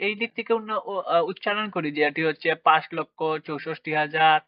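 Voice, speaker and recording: Male teacher, fairly high voice, patient question-and-answer drilling, dry close sound. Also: a little fast, dry recording, lo-fi sound. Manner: asks questions and answers them himself, with frequent check-ins. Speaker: math teacher. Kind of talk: classroom lesson for children.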